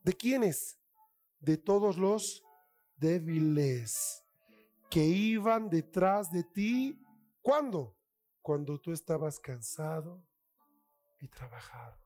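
A man preaching a sermon with a Chilean accent, acting out tempting voices and dropping to hushed whispers. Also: on the high side, sing-song, slow pace, pauses often, faint music behind. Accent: Chilean Spanish.

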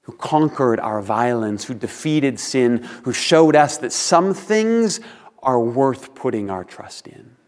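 A man preaching a sermon as a pastor, speaking in deliberate, earnest phrases with rhetorical pauses, in a large empty room. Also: medium pitch, expressive, a little mellow, a little hiss or hum. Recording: reverberant empty hall.

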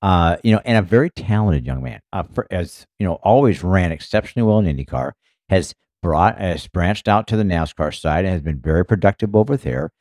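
A low, dark-toned man talks casually on a podcast. He rambles and leans on "you know" constantly. His voice sounds dry and close, with no room echo. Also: fairly quick. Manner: rambling, filler-heavy, many "you know"s. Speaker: podcast co-host, former racing team member.

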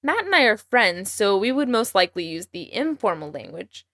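A woman born in Iran whose first language is Persian, teaching a scripted podcast language lesson with clear, upbeat delivery and slow modelling of words. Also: mid-range voice, very animated, fairly bright tone, no room sound, studio quality.

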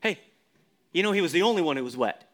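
A male pastor delivering a sermon in a fairly high voice that swoops up and down with lively expression. He often sinks to a quiet, low hush to stress a point. He calls on the congregation to answer back. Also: fast talker. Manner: leads the congregation in responses.

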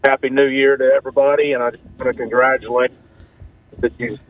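A man's voice: mid-range voice, level tone, fast talker. A man, calling in to a talk show on a phone line that keeps breaking up and cutting out. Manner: folksy, grateful, talks in long run-on stretches. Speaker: caller. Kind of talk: call-in to a radio talk show. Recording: tinny phone line from a vehicle, dry.

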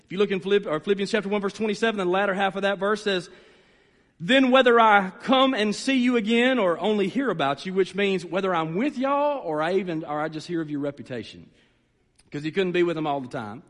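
A pastor preaches to a gathered congregation in a large, reverberant room, his high-sitting, fairly bright voice moving a little fast. He's conversational yet emphatic, repeating phrases and checking in with his listeners.

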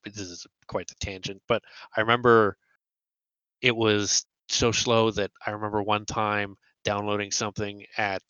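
A man's voice: lowish voice, flat delivery, normal speed, sharp tone, clear, resonant tone, no room sound. A man co-hosting a podcast in casual chat, with playful, self-mocking asides. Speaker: podcast co-host. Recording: dull, dry lo-fi sound.

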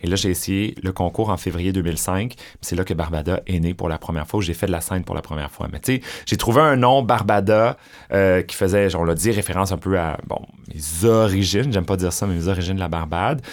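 The guest is a middle-aged drag performer with a Québécois French accent and a deep voice, talking at a fairly quick pace. Throughout the interview he spins animated, chatty stories packed with fillers.

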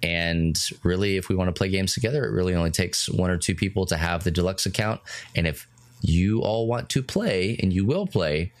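A man's voice: low voice, brisk, no room sound. A man co-hosting a casual podcast chat, rambling and correcting himself as he jokes with his co-host. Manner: rambling, self-correcting, playful banter.

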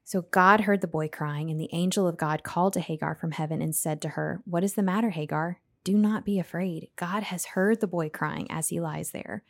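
A woman reading a scripture passage aloud in a slow, measured way. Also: fairly low pitch, gravelly, dry recording. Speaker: reader in a Bible discussion.

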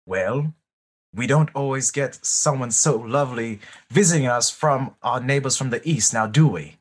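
A man's voice: medium pitch, normal speed, close to an everyday voice. Dude doing his worst british accent, bluffing guy, kinda cheeky. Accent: deliberately bad British. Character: smooth-talking male con man posing as official.

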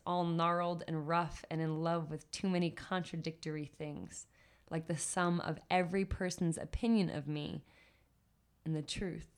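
A woman poet, a guest on a podcast, chatting and then reciting her own spoken word poetry in an expressive, rhythmic way. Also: on the low side, smooth.

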